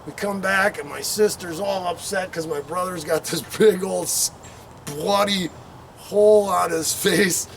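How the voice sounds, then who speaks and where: An unhurried, gravelly, high voice belongs to a middle-aged man spinning a loose, rambling story and playing out quotes and engine effects as he goes. The recording comes from a camera several meters away on a patio outdoors, with background noise around him.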